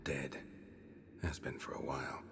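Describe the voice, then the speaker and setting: An actor voicing a grim, weary male monster hunter in a video game, talking tersely and deadpan. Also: extremely low pitch, measured pace, vocal fry, whispered, exaggerated voice. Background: game music.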